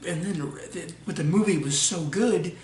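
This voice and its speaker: A man's voice: a little high, normal speed, a little mellow. A young man giving a casual movie review, blunt and profane, often restarting his sentences. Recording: roomy echo, voice far from mic, faint noise.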